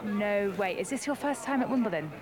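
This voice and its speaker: A woman's voice: mid-range voice, expressive, fairly quick. Upbeat woman reporter among a crowd. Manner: upbeat, friendly questioning. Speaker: roving reporter. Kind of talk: on-site fan interview. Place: outdoors at a busy tennis venue. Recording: crowd noise around the reporter.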